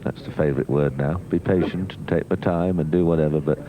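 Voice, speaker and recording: A man's voice: rumbling low, fairly even intonation, fairly quick. A man giving live golf commentary, musing in colloquial turns of phrase as a golf commentator. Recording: noisy 1990s TV broadcast.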